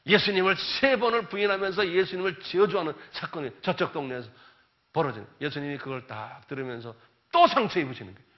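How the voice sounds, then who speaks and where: A male pastor delivers a sermon in a fairly high voice, retelling the story with vivid, animated delivery and sudden loud outbursts for the characters. The recording is muffled and lo-fi. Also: fast. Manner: animated storytelling, acting out biblical voices loudly. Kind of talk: sermon lecture. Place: church or seminar hall. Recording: dull lo-fi recording.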